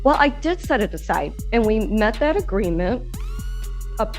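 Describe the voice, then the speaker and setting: A woman's voice: fairly high pitch, very animated, moderate pace, faint music behind. A woman addressing a judge as a litigant in a courtroom recording, rambling in stiffly formal wording.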